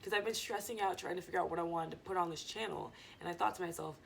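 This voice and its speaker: A woman's voice: on the low side, quick pace, gravelly, slight background noise, low-quality recording. A woman chatting casually to her viewers as a vlogger, in a loose, rambling, digressive stoner manner.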